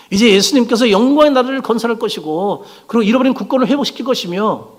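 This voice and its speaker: A man preaching a sermon as pastor, swinging between loud exclamations and hushed low lines. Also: breathy edge.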